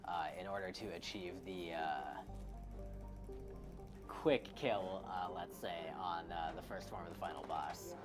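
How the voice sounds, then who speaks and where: A man with a slightly low voice explains a game run in a chatty, easygoing way, dropping frequent fillers. Music plays clearly behind him on the live stream. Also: measured pace. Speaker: marathon commentator. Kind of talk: casual game commentary.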